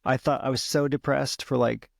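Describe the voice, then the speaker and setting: A man in his late forties, hosting a podcast, chatty and enthusiastic, with quick interjections. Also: medium pitch, level tone, gravelly, dry recording, clean studio sound. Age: 40s. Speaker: podcast host. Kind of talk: casual interview chat.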